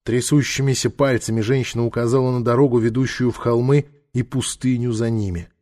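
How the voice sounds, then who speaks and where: A man narrating an adventure audiobook in a steady storytelling voice. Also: mid-range voice, a little fast.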